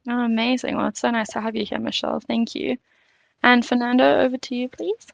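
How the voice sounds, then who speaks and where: A woman's voice: a little high, steady tone, a little fast, creaky, no echo, lo-fi sound. A woman hosting a podcast, giving upbeat, encouraging introductions and questions. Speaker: podcast host.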